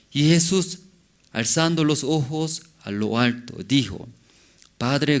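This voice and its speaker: A man preaching a sermon as pastor, in halting non-native Spanish with broken grammar, often asking the congregation questions. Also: mid-range voice. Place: church service.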